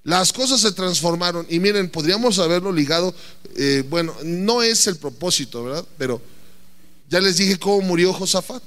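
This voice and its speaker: A man preaching with a high, bright voice that swoops animatedly up and down. He is playful and theatrical, and he keeps firing questions at his listeners. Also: expressive, moderate pace. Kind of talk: lively sermon.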